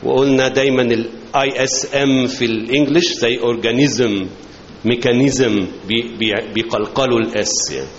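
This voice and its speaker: A man's voice: medium pitch, fairly even intonation. Egyptian man teaching in an echoey hall. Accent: Egyptian Arabic. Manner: explains slowly, switching between English and Arabic. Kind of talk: bilingual classroom lecture. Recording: roomy, dull, hissy hall recording.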